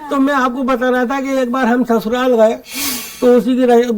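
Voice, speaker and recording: A man with a very high voice performs comic verse for a room of listeners at a poetry gathering. He is theatrical and says each punchline twice to let it land. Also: level tone, normal speed, a crowd in the background, rough recording. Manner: theatrical, repeats punchlines for effect. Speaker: poet reciting at a poetry gathering. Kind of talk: humorous poetry recitation.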